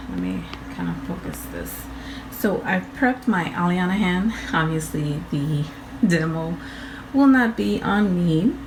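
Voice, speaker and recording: A tired woman chatting casually through a nail-kit unboxing at home, rambling, apologizing and filling pauses with ums. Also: low-pitched, a little hiss or hum. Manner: rambling, apologetic, many fillers, laughs often. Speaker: nail vlogger.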